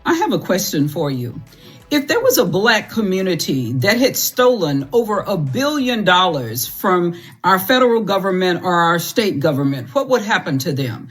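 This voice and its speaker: A woman's voice: on the low side, sing-song, normal speed, breathy edge, soft background music. A woman giving commentary through a string of pointed rhetorical questions. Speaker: social media commentator.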